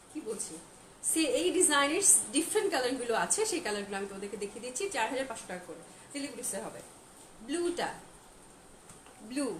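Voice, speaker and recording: A woman selling clothes on a live stream, chatting and gushing over each dress while slipping in English phrases. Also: sits high. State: feeling hot. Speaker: online clothing seller. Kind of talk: live-stream product showcase. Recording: echoey room with loud background noise.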